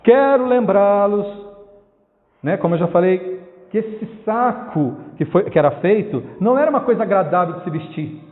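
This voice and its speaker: Man preaching, high-pitched, emphatic, rhetorical questions, tinny phone-like sound. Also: expressive, moderate pace. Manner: emphatic, repeats key phrases, asks rhetorical questions. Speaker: pastor. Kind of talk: expository sermon. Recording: tinny phone-like sound with long hall reverb.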